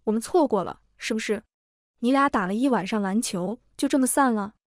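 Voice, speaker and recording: A woman's voice: on the high side, a little fast, no echo, clean studio sound, natural voice. A woman reading the lines of a young man, a self-mocking, teasing childhood sweetheart, in a story. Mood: choked.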